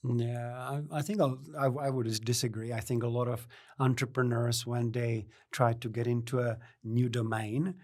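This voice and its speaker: A middle-aged man from the Czech Republic, a native Czech speaker, answering interview questions in a measured way with many fillers and restarts. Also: medium pitch, little pitch movement, a little mellow, no echo, studio quality. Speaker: guest, innovation network CEO. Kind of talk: podcast interview.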